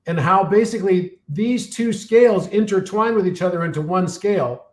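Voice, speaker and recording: A man giving a live talk and taking audience questions, telling stories full of fillers and restarts while his voice is getting a little hoarse. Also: high voice, moderate pace, reverberant. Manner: rambling storytelling with many fillers and restarts.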